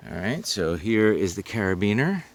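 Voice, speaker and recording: Low-voiced man explaining a demonstration. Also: big pitch swings, normal speed, dry recording. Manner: plain, step-by-step. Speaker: instructor narrating a demonstration. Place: outdoors on a wooded slope. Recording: faintly noisy outdoor recording.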